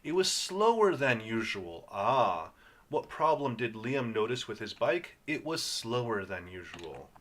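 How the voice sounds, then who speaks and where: A man of middle pitch leads a phonics lesson at a very unhurried pace. He breaks words into single sounds and says each one several times with patient care. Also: sing-song, a bit bright. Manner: patient, sounds words out slowly and repeats them. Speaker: English reading teacher. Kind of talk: slow guided phonics lesson.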